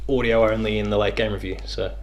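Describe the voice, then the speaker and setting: On a couch in a small living room, an Australian man in his thirties hosts an interview, chatting casually with a guest about video games. His fairly low voice is flat and quick. The recording picks up clear background room noise and a loud crowd.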